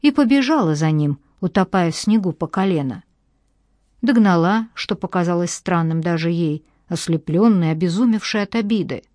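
Woman narrating an audiobook, low and mellow. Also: expressive, fairly quick, hardly any pauses, no echo, studio quality. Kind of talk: scripted narration.

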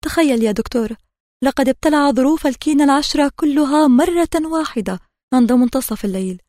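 A woman's voice: high-pitched, dark tone, no echo, studio quality, close to an everyday voice. A woman reading an audiobook, voicing a flustered village midwife who pleads in a hurry. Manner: hurried, pleading. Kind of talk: audiobook narration.

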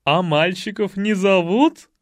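A cheeky, vain old gentleman, as the male narrator plays him, teasing in a slightly raised, louder voice. Dry, close recording. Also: high-pitched, animated, slow, no room sound.

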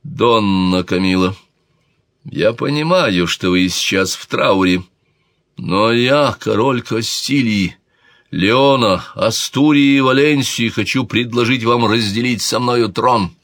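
A man voicing an obsessive, passionate king who speaks slowly and emphatically, with a commanding edge. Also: mid-range voice, fairly bright tone, no echo, clean studio sound.

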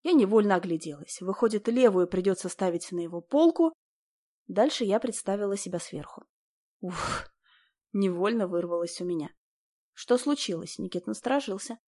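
A woman reading a first-person story aloud as an audiobook narrator, in a steady, conversational storytelling manner. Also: mid-range voice, fairly quick.

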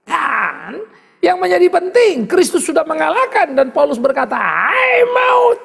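Gravelly preacher in an echoing hall. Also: male voice, very high voice, moderate pace. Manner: animated preaching, mocking asides and rising exclamations. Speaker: pastor. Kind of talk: sermon. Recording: long hall reverb.

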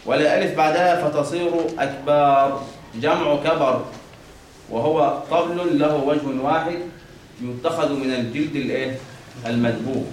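An Egyptian man gives a religious lesson on pronunciation, often asking his class a question and then answering it himself. His voice sits a little high. He sounds far from the mic in a very echoey room with a faint hiss behind him. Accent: Egyptian Arabic. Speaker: teacher of Quran recitation rules.

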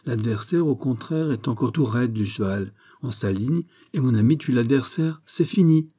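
Man voicing a boastful giant swordsman, hearty, booming, husky, mellow timbre, audiobook. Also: expressive, normal speed, lightly acted. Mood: jovial. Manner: jovial, booming, raised pitch. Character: boisterous giant old-style swordsman nobleman, hearty, boastful. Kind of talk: audiobook character voice.

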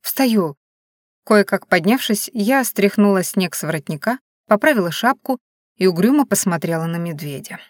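A woman narrating a first-person story in a wry, expressive way. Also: mid-range voice, moderate pace, no echo, studio quality. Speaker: audiobook narrator.

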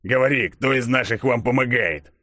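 A man voicing a seasoned, stern male chief who speaks in a gruff, measured, growling way. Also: mid-range voice, sharp tone, no echo, studio quality, voice pushed up.

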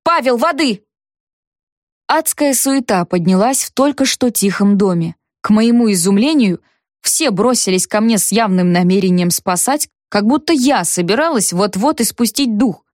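A woman narrates a first-person audiobook in a lively, expressive storytelling style. Her mid-range voice moves at a moderate pace, captured in clean studio sound with no room echo.

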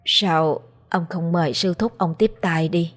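A woman with a Southern Vietnamese accent voicing an anxious, devoted old wife who pleads softly and worriedly. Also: fairly low pitch, measured pace, soft background music.

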